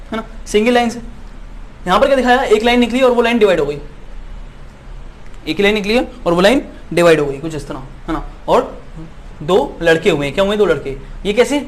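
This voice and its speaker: In an exam-prep lecture, an insistent male biology teacher with a high voice keeps repeating himself and asking "है ना" to check that students follow. He reassures them and promises results.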